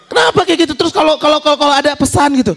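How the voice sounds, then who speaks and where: A man's voice: very high-pitched, rapid-fire, fairly bright tone, a faint crowd, a little hiss or hum. A man doing a stand-up comedy set, telling stories animatedly and acting out other people's voices, with audience laughter behind him. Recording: live stage recording with audience.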